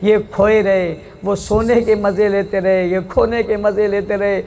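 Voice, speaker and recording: A male preacher with a Pakistani Urdu accent, giving an impassioned, rhythmic religious speech to women that rises to shouted, sing-song peaks. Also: high voice, flat delivery, unhurried. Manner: repetitive, rhythmic delivery.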